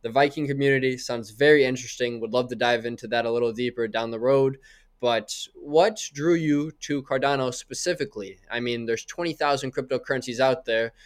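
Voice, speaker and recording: Guy hosting a podcast, mid pitch, eager and friendly, asks lots of questions. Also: brisk. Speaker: podcast host. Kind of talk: casual interview.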